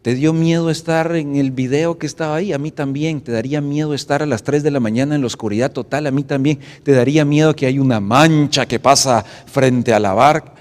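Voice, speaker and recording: A man's voice: mid-range voice, fairly quick, a little mellow. A male pastor preaching a dramatic sermon in a church, acting out scenes and asking the audience questions. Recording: echoey church hall.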